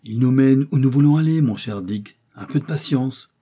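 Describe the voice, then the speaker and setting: A man's voice: medium pitch, normal speed, dark tone, voice pushed up, lightly acted. A man voicing a composed, wise middle-aged explorer doctor who speaks reassuringly.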